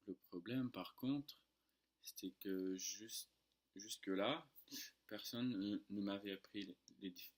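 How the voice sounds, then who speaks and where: An American man, a native English speaker, tells things casually in non-native French, hesitating and making small grammar slips. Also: fairly low pitch. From United States. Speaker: French tutor and online video creator. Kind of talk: casual storytelling to camera.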